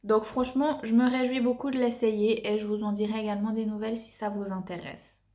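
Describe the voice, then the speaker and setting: A woman's voice: a little high, flat delivery, fairly quick, warm tone. A young woman reviewing beauty products in a chatty, enthusiastic way with lots of fillers. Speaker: beauty vlogger.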